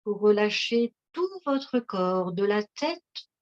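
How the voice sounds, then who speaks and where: A woman leading a guided seated relaxation session, speaking in a slow, soothing, instructive way. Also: mid-range voice, sing-song. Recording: dull lo-fi recording.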